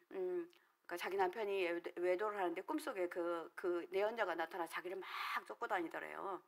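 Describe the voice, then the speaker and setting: A middle-aged woman, a pastor who is also a counselor trained in dream analysis, delivers an earnest, explanatory sermon at a prayer meeting. Her mid-range voice has a fairly bright tone, and she uses filler words often.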